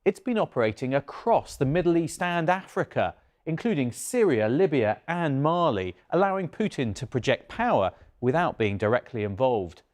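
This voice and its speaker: A male correspondent voices a scripted news package. His pitch is average for a man, and the delivery is that of broadcast report narration. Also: big pitch swings, normal speed, hardly any pauses, darkish tone, dry recording, studio quality. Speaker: security correspondent.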